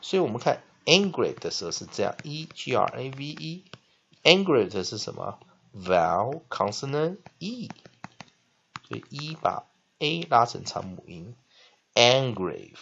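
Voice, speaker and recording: A male teacher explaining English spelling, spelling words out letter by letter and repeating them slowly. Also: medium pitch, very animated, vocal fry, fairly bright tone. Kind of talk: classroom-style lesson explanation. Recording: dull lo-fi recording with faint noise.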